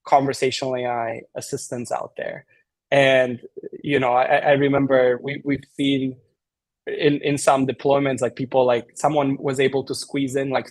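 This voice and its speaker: On a podcast, a Romanian tech company guest explains at speed, his talk full of fillers and repeated restarts, and a slight Romanian accent is audible. He speaks at medium pitch in a dry recording.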